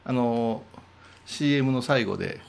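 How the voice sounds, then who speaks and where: A man's voice: medium pitch, unhurried, gravelly, smooth. A man hosting a radio talk show, chatting and joking in a casual way. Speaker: radio show host, monk.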